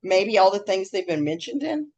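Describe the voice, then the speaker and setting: A woman co-hosting a casual podcast chats and reads out news in a scattered, easily sidetracked way. Her mid-range voice is sing-song and a little mellow at a normal speed, and she has trouble with R's, which come out sounding like W's. The sound is lo-fi.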